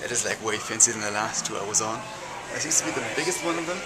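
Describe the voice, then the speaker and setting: A man's voice: on the low side, expressive, fast talker. A young man chatting casually and informally in a rambling travel vlog. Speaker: travel vlogger. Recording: loud ambient travel noise.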